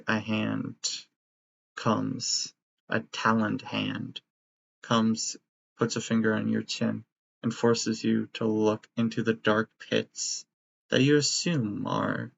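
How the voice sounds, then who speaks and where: A man acting as game master, narrating a tabletop game in a steady, descriptive way. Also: fairly low pitch, slow, creaky. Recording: dry, slightly muffled audio.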